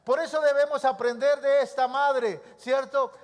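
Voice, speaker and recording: A man's voice: very high-pitched, little pitch movement, moderate pace. A male pastor preaching a sermon in a church, posing rhetorical questions and answering them himself. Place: church sanctuary. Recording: long church-hall reverb.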